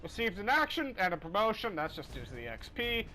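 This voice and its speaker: A man's voice: sits high, very animated, fairly quick, sharp tone, a little hiss or hum. A man giving casual, rambling, self-deprecating commentary while playing a video game. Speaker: gaming commentator. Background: faint game music.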